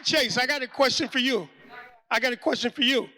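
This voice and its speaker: A man from Connecticut hosting an event over a video call, enthusiastic and shouty as he hypes up his guests. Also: extremely high pitch, a little fast, noisy background. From Hartford, Connecticut. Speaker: host and producer.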